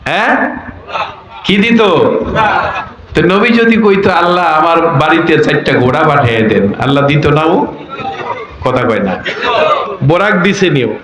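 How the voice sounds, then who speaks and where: A man preaching an impassioned sermon. His drawn-out delivery swells into shouts and chanted lines. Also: on the high side, animated, reverberant, crowd noise, poor audio. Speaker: Islamic preacher.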